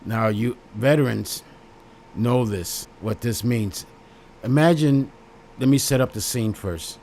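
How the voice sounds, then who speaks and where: A man's voice: on the low side, measured pace, a little mellow, slight background noise. A middle-aged man with a Chicago accent hosts his own channel, talking straight to the camera in blunt, plain words and repeating phrases for emphasis. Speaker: YouTube host. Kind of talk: casual direct-to-camera commentary.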